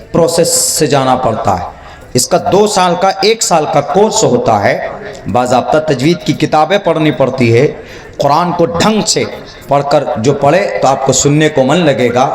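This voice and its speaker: A man with an Indian Urdu accent preaching a sermon in a large hall. His voice sits fairly high and rings with echo, picked up from a distance. He tells a story and stops to spell out letters slowly, like a teacher. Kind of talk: religious sermon. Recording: echoey, from far off.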